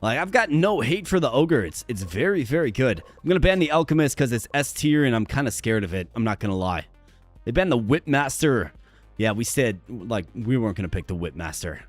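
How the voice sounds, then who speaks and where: Faint music sits behind this dry recording of a man with a medium-pitched voice, big pitch swings and a brisk pace. Streaming a game, he chats cheerfully and casually to his viewers, his strained, worn voice occasionally stuttering on repeated words.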